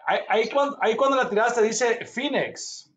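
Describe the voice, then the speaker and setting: A man's voice: very high voice, normal speed, a bit bright. A man in his thirties hosting a live stream with casual commentary, urging in short repeated phrases, in slightly dull audio. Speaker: host of a live auction stream. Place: small office with a whiteboard.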